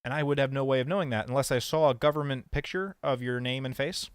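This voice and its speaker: A man in his thirties co-hosting a podcast, talking in a relaxed, meandering way. His humor is dry and wry, and his voice sits at an ordinary middle pitch. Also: quick pace, clear, resonant tone, no room sound. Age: 30s. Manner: laid-back, rambling, wry. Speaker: podcast co-host. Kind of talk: casual chat.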